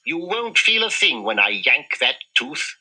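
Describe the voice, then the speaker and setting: A man voicing a polite, brave storybook mouse dentist, courteous and emphatic, pitched up high. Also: big pitch swings, measured pace, pushed and bright, slightly rough, exaggerated voice, poor audio. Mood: professional, reassuring. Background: music.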